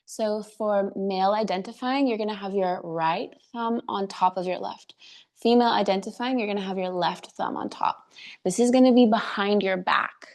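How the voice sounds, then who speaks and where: A woman teaching a live online yoga class, giving calm step-by-step cues for breath and poses, a little out of breath as she demonstrates. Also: mid-range voice, normal speed. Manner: slightly out of breath while demonstrating. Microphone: video call.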